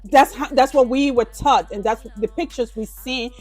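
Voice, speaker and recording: A woman's voice: high-pitched, normal speed, darkish tone, soft background music. Liberian-born woman chatting about her life. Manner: chatty, with many "you know" fillers. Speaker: business owner interviewee. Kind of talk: casual interview.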